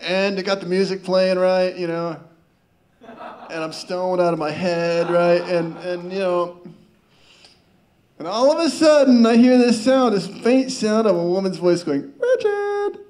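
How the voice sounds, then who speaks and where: A man's voice: high voice, a little slow, a little mellow, a little hiss or hum. A male stand-up comedian telling a rambling story with stammers, restarts and chuckles.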